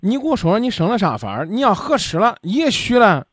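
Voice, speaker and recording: A man hosts a radio call-in, blunt and straight-talking as he presses his caller. He talks fast, with a lively, somewhat high voice that swoops a lot. The sound is dry and close. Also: breathy edge, no echo. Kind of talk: call-in radio advice show.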